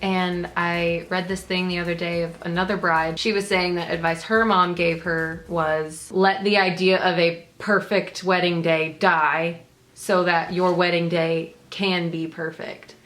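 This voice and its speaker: A woman's voice: lowish voice, little pitch movement, measured pace, fairly bright tone. A young woman hosting a vlog, telling a story in a chatty, casual way with frequent "like" fillers. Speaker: vlogger and host.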